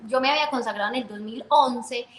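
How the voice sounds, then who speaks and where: A woman telling her faith testimony in a warm, conversational way. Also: fairly high pitch, quick pace, a little hiss or hum. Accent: Colombian Spanish. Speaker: guest sharing faith testimony. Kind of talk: personal testimony storytelling. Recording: roomy echo.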